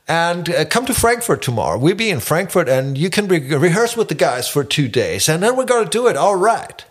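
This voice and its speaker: A man's voice: fairly high pitch, sing-song, moderate pace, pitched above the performer's own voice. A man voicing a friendly, pushy male band manager on the phone, breezy and persuasive. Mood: upbeat.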